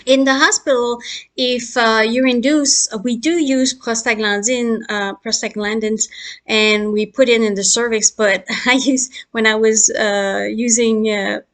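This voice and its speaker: A woman's voice: a little high, steady tone, a little slow, a bit bright. A middle-aged woman obstetrician giving a casual explanatory talk, chatty, with many fillers and laughs between points.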